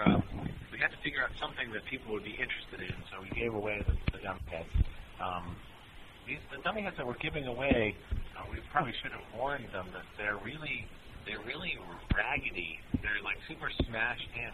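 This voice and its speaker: A man in a band answering fan questions in a relaxed, rambling way with many ums and uhs. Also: lowish voice, noisy background. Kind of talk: casual Q&A chat.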